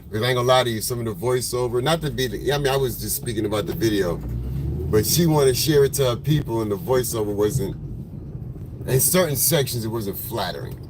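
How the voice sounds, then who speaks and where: With lively intonation and a slightly fast delivery, a photographer with a medium-pitched smoker's voice hosts a casual livestream from his car in traffic. He's laid-back and slangy, rambling along and greeting viewers by name, with faint vehicle noise behind.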